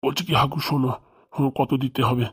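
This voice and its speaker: A woman voicing a stingy, remarried male schoolmaster in a cartoon comedy, talking fast and defensively. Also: very deep voice, fairly even intonation, slightly rough, heavily acted.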